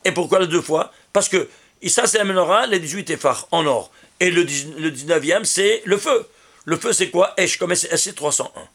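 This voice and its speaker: A man, a rabbi, giving a Torah lesson on numerology with an animated manner, firing rhetorical questions at his listeners. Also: sits high, moderate pace.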